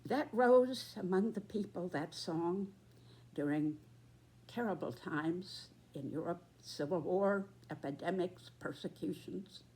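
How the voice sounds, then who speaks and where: A woman in her nineties giving a reflective, earnest address in short, halting phrases. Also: lowish voice, darkish tone. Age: 90s. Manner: very old person's slow, halting delivery in short phrases.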